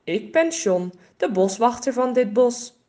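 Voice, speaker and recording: A woman voicing a kind, friendly male forest ranger in a storybook, speaking slowly and soothingly. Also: on the high side, animated, mellow. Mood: kindly. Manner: slow, kindly, soothing.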